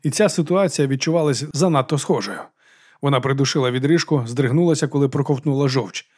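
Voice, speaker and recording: A man narrating a fantasy audiobook in a brisk, tense storytelling manner. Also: medium pitch, a little mellow, breathy edge.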